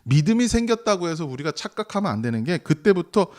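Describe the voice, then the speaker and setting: Man, pastor, sunday sermon, high voice, very animated pitch, rhetorical questions. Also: quick pace. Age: 40s or older. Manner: conversational preaching, rhetorical questions, acts out quoted voices. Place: church sanctuary.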